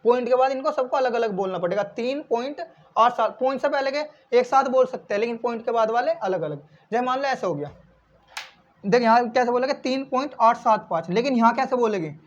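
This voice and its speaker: A man's voice: very high-pitched, fast. Man teaching maths, dull lo-fi sound. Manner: explains step by step, asks questions and answers them himself, repeats key points; addresses viewers as friends. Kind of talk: classroom-style maths explanation. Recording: slightly dull lo-fi recording.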